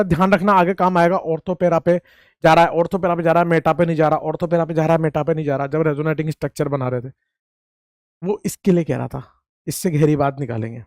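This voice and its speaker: A man's voice: a little high, darkish tone, no room sound, clean studio sound. A man teaching chemistry in a casual, joking lecture, who repeats key points and asks and answers his own questions while addressing students like friends. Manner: chatty and teasing, talks to students as friends. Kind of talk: informal classroom lecture.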